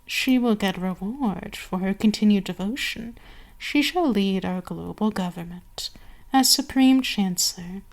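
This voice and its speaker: Smugly plotting, a woman voices a vampire queen who is both cruel and seductive in an ASMR roleplay. She speaks at a medium pitch, haughty and measured, letting pauses linger and dropping into breathy whispers.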